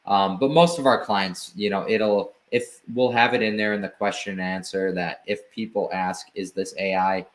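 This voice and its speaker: A man who founded an agency, a podcast guest explaining his work in relaxed casual chat, with many fillers. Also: lowish voice, moderate pace, hardly any pauses.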